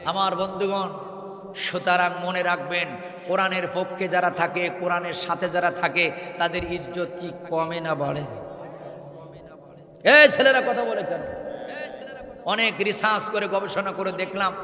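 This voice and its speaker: A man preaching a waz sermon in rhymed, chanted lines that build to shouts, calling on the crowd to answer him. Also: high-pitched, level tone, moderate pace, echoey room, in a large hall.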